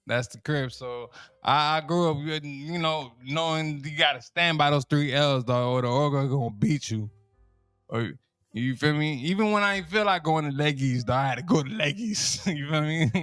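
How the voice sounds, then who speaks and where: A Miami-born young comedian with a Miami accent shares loose, slangy stand-up style stories, laughing at his own jokes and repeating himself. His voice is on the high side, a bit bright and smooth. The recording is dry and studio-clean.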